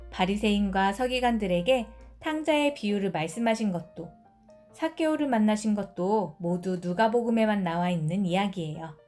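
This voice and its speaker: A woman telling a scripted Bible story for children in a gentle way, asking her listeners questions. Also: medium pitch.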